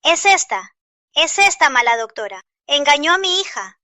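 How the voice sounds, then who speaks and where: Woman dubbing a frantic mom, high bright voice, begging then yelling, dry studio sound. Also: big pitch swings, moderate pace, dry recording, heavily acted. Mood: accusing. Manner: pleading then accusing loudly. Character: desperate middle-aged mother of a sick daughter. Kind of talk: Spanish dub of a drama.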